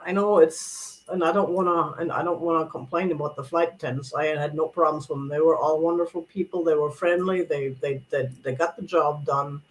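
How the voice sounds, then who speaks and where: Man, higher-pitched voice, rambling travel chat, casual vlog. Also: rough recording. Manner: chatty, many restarts and asides. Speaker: vlogger.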